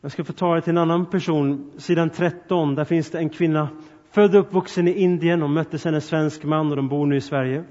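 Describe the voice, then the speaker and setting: Higher-voiced man preaching in a reverberant hall. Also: fairly even intonation, a little mellow. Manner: earnest, addresses the congregation directly with questions and appeals. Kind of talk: sermon. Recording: long reverb, dull sound.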